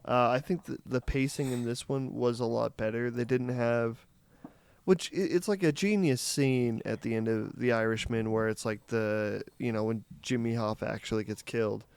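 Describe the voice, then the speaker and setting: A young man co-hosting a casual movie review chat, talking in halting, filler-heavy bursts that trail off. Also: medium pitch, fairly even intonation, creaky, a little mellow, clean tone, no echo. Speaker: podcast co-host.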